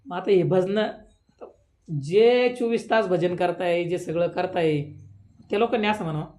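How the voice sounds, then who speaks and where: A man's voice: high-pitched, unhurried, a little mellow. A man, giving a devotional sermon at a village memorial gathering, talking conversationally and rising into emphatic questions. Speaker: kirtan preacher.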